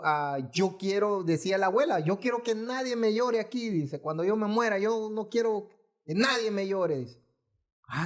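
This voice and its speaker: A man, a former funeral home worker, telling a story earnestly in a casual podcast chat and acting out the people he quotes. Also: a little high. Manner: earnest, repetitive storytelling, acts out quoted voices.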